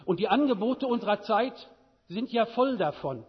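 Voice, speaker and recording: A man preaching a sermon, with a measured delivery and many rhetorical questions. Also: sits high, animated, breathy edge, in a large hall, muffled recording.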